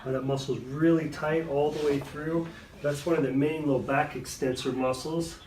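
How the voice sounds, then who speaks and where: A man's voice: a little high, steady tone, moderate pace, noisy background. A man working as a chiropractor, casually talking a patient through a hands-on adjustment with short, reassuring instructions. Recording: echoey room, distant mic, music behind.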